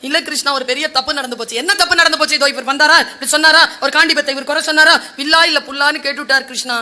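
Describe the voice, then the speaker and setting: A woman's voice: high-pitched, steady tone, racing, pushed and bright. A woman voicing the young queen Draupadi, pleading and explaining.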